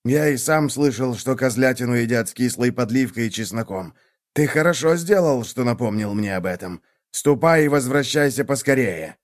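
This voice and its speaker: A man's voice: medium pitch, lively intonation, normal speed, natural voice. A man voicing a hungry, boastful male wolf who growls out threats, read as a storybook tale. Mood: blustering. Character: hungry, blustering male wolf, easily tricked.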